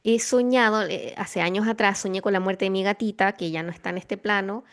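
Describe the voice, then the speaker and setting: A woman with a Chilean accent hosts a casual conversation about spiritual topics. Her voice sits at an everyday middle pitch. She speaks reflectively, circling back with fillers and self-corrections as she thinks aloud. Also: fairly even intonation, brisk. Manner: reflective, many fillers and restarts. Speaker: podcast host.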